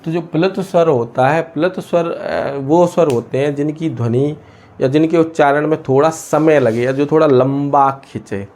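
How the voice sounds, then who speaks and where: A man teaching a lesson from India, pausing often and asking questions he then answers himself. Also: a little high, darkish tone. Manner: asks and answers his own questions, many hesitations. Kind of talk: explaining a lesson.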